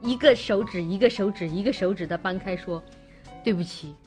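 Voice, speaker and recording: Over faint music, a woman hosts a livestream, bantering playfully with her viewers and teasing them in a fairly quick, slightly mellow voice of medium pitch. She stammers and restarts as she chats, thanking donors and reading their messages aloud.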